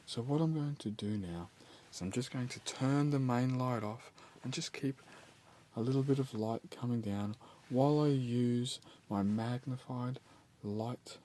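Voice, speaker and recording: A man doing an ASMR role-play as a scalp examiner, speaking softly, soothingly and reassuringly with unhurried instructions. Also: medium pitch, a little hiss or hum. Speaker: ASMR performer playing a scalp-check examiner.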